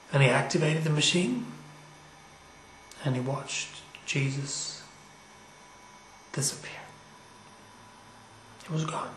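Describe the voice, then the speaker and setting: Male storyteller, relaxed and chatty with lots of asides; roomy echoey room. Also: mid-range voice, a little hiss or hum. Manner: loose and conversational, with frequent "you know" and "like" asides. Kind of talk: casual spoken storytelling.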